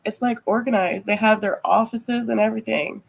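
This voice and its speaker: A woman's voice: mid-range voice, steady tone, fairly quick, vocal fry, breathy edge, low-quality recording. A woman livestreamer chatting casually with viewers, rambling and heavy on fillers. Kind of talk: casual chat.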